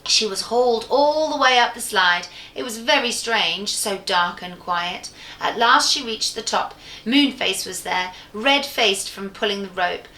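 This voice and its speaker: Teacher lady reading a kids story, bright highish voice, echoey room. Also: a little slow. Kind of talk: storybook read-aloud.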